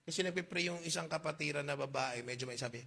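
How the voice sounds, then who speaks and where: A man with a Filipino accent preaching a sermon, reading old-fashioned scripture slowly and asking his congregation questions. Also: a little high, creaky, sharp tone, slight background noise. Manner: mixes Tagalog and English, reads KJV verses slowly; asks the congregation questions, jokes. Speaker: pastor.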